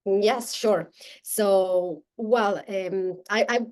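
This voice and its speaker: A woman, speaking as an interview guest in a casual, halting way with many restarts and fillers. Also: medium pitch, steady tone, darkish tone. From Italy.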